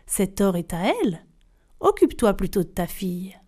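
A woman's voice: mid-range voice, very animated, moderate pace, darkish tone. Woman voicing a stern, firm father. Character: firm, fair-minded father.

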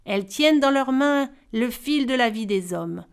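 A woman voicing a kind old village widow who speaks gently and reassuringly, clear-toned and a little high. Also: expressive, moderate pace. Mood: advising.

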